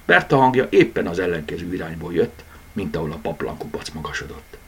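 Husky low-voiced male storyteller. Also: sing-song. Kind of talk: bedtime story reading.

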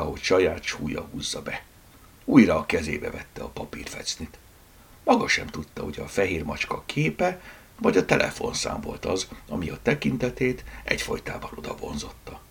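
A man narrating a novel chapter with a deep, gravelly, husky voice. His reading is lively and sweeping in pitch, dropping into whispers for inner thoughts. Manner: expressive storytelling with whispered asides. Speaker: audiobook narrator. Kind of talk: scripted narration.

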